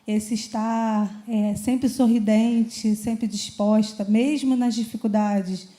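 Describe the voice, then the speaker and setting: A Brazilian woman shares her testimony before a church congregation, earnest and chatty. Her voice is very dark and mellow in color, though fairly high in pitch. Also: fairly even intonation, slow. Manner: earnest and conversational, often adding "né?". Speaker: church member giving testimony. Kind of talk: personal testimony.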